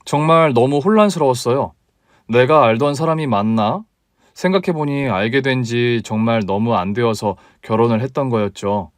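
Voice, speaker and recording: A man narrating his own story in a calm, weary, confessional tone. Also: medium pitch, moderate pace, no room sound.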